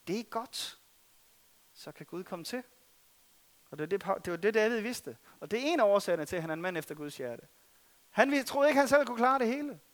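A man with a high voice for a man preaches a sermon in an earnest way. He drives some phrases hard and drops others to a soft aside. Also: expressive. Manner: earnest, swings between loud stress and soft asides. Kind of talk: sermon with scripture reading.

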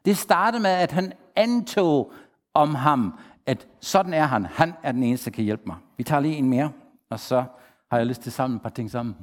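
A man preaching a sermon, lively, asking the congregation questions and acting out the people he quotes. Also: medium pitch. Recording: long hall reverb.

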